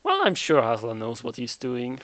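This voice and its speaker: A man's voice: medium pitch, huge pitch swings, moderate pace, fairly bright tone. A man hosting a casual game recap, chatty and joking as he thinks aloud. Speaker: recap host.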